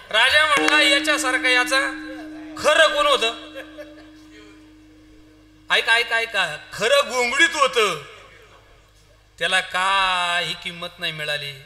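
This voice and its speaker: Bright, high-voiced male kirtan preacher. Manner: animated storyteller, acts out characters' lines, addresses audience directly. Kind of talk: humorous kirtan storytelling sermon.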